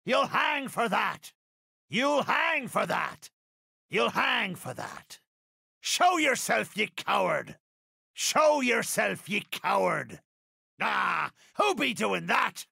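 Captain Barbossa, gravelly swaggering pirate. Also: male voice, high voice, very animated, sharp tone, no room sound, studio quality, full character voice. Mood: furious, threatening. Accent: pirate dialect. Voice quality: gravelly, raspy. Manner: theatrical, drawn-out, archaic pirate speech. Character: swaggering, vengeful male pirate captain, boastful and menacing. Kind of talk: video game character voice acting.

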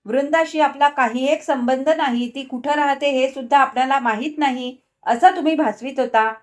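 Furious accusing young wife, voiced by a woman reader, high and shrill. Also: moderate pace, close to an everyday voice.

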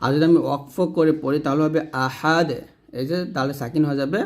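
A man teaching the rules of Quran recitation step by step, speaking to viewers and slowly drawing out the example words. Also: fairly high pitch, steady tone. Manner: addresses viewers directly, pointing at the page. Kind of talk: tajweed lesson, explaining rules.

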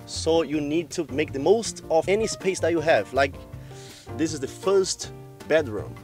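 A young man with a Portuguese accent guides viewers around a sailboat, keen and explanatory. His voice sits a touch high. Quiet music plays underneath. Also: lively intonation, unhurried. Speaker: vlog host. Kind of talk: casual touring narration. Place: on a sailboat, cabin and deck.

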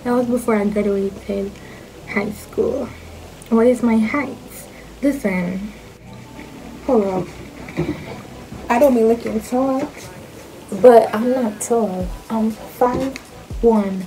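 A woman's voice: a little high, slow pace, long pauses, mellow, a little hiss or hum, low-quality recording. A young woman with a Jamaican accent chatting casually and playfully to camera, using slang as she answers questions about herself. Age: young adult.

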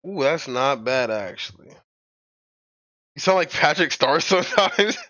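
Animated and a bit high, this young man's sharp-toned voice moves unhurriedly as he chats with friends on a game stream. He rambles, leans on filler, and keeps calling them "bro" and saying "like." The recording is muffled but free of echo.

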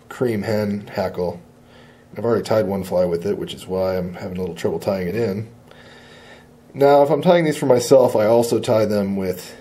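A man demonstrating fly tying at a shop bench. He talks in a relaxed, plain-spoken way and often says uh. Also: fairly low pitch.

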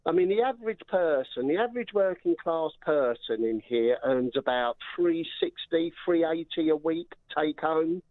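A man's voice: on the high side, expressive, moderate pace, few pauses, no echo. An older man from England, a phone-in caller heard over a tinny phone line, ranting about politics and repeating himself as he speaks. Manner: angry, repeats words and trails off. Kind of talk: political rant on a call-in show.

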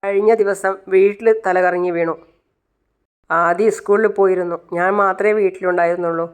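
Weary sick mother, slow pleading delivery, read by a woman storyteller. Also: medium pitch, fairly even intonation, clear, resonant tone, natural voice. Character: ailing middle-aged mother, weary and pleading.

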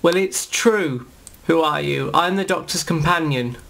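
An earnest young female companion, voiced by a man for a homemade fan film. His voice is lifted noticeably above its normal pitch and keeps a gravelly texture. She speaks plainly and earnestly. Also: unhurried, fairly bright tone. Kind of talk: amateur fan-film acting.

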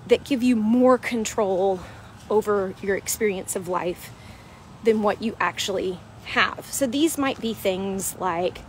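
A weight loss coach vlogs outdoors at a beach park, chatting casually in a mid-range voice and leaning on "right?" and "um" as she explains. A wired earphone mic with the phone at arm's length captures her, along with a little hiss or hum.

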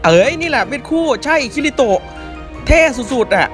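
A young man hosting a gaming channel, giving excited gameplay commentary with loud exclamations and swearing. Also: extremely high pitch, moderate pace, faint music behind.

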